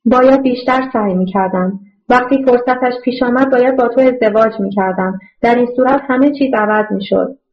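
A regretful man who has returned after years, speaking low and earnestly, voiced by a woman reading aloud. The pitch sits a little high and the audio is dull and lo-fi, like a home audiobook recording. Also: lightly acted. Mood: pleading. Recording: muffled lo-fi audio.

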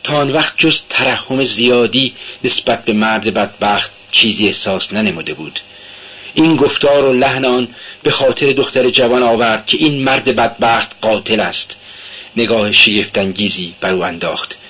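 A man giving a dramatic literary reading, measured and intense. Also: mid-range voice, sharp tone, slightly rough, dull audio. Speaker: narrator.

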